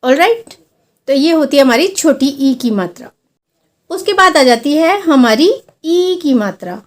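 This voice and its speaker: A woman with a high voice takes her listeners through a Hindi lesson. She explains each vowel sign patiently and step by step. She draws out example words slowly to show long and short vowels. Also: lively intonation. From India. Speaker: Hindi teacher. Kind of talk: classroom-style lesson explaining vowel signs.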